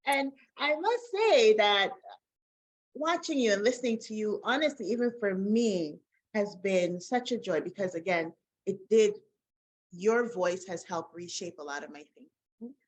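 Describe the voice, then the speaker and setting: A woman's voice: medium pitch, lively intonation, a little slow. Effusive woman podcast host. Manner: warm, effusive, laughs often. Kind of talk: conversational interview.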